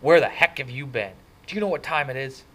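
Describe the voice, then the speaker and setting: A man reading a storybook, voicing a furious young man scolding his younger brother in loud, exasperated hollers. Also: medium pitch, animated, brisk, a little hiss or hum, voice pushed up, lightly acted. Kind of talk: dramatic audiobook character reading.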